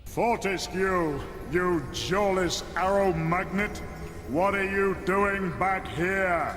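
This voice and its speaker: A man's voice: high voice, takes it slowly, reverberant, long reverb tail. A man voicing an arrogant dead hero in a game, taunting and scornful, with game music behind.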